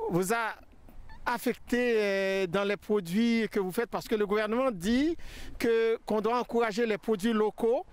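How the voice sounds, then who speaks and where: A male field reporter with a high, clear voice. He talks slowly and haltingly, feeling his way through an unscripted report. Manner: halting, hesitant phrasing. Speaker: TV reporter and interviewer. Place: outdoors on a farm.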